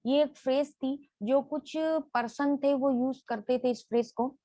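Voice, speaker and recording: A woman with a high, warm voice and fairly even intonation prepares students for an exam on literary terms. She reads every definition slowly, explains it, repeats the important words, and answers the questions she poses. The recording is dry.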